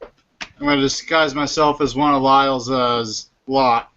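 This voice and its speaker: A man playing a tabletop game, talking in a laid-back, halting way. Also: medium pitch, steady tone, a bit bright, clean tone. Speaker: player. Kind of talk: casual tabletop game talk. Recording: dull, muffled recording.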